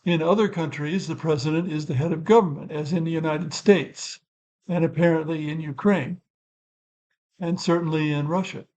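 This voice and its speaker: This older channel host speaks in a somewhat high, slightly mellow voice with fairly even intonation and a moderate pace. He explains a topic off the cuff, rambling and correcting himself in thoughtful asides, on a low-quality recording.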